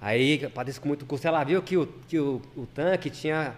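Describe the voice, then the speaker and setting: A man's voice: fairly high pitch, a little fast, a little hiss or hum. A man who is a lay preacher, a guest on a podcast, telling a personal story in casual, earnest talk full of restarts and repeated words.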